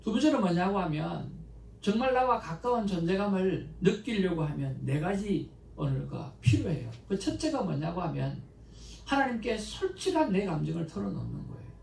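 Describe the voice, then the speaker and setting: Korean pastor guy preaching sunday sermon, gravelly voice, kinda far from the mic, faint hiss. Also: high-pitched, moderate pace. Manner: conversational, anecdotal preaching with animated emotional quotes. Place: church sanctuary. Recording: echoey church room, mic at a distance, faint background noise.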